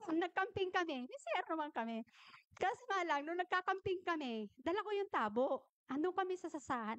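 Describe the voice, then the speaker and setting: High-voiced woman telling lively anecdotes. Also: no room sound. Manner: animated, asks the audience questions and tells anecdotes. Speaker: health speaker at a church gathering. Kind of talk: lively talk to an audience. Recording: dull, slightly muffled recording.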